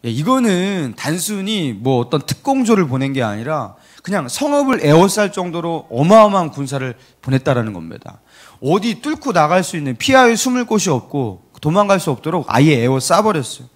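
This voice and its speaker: Male pastor, lively storytelling sermon, high and expressive delivery. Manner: animated storytelling, asks the congregation questions. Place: church.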